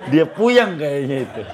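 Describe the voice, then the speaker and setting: Guy teaching religion, laid back, chatty, keeps repeating himself. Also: fairly high pitch. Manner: easygoing, colloquial, repeats phrases, chuckles. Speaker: Islamic cleric answering questions. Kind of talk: religious study talk, informal Q&A.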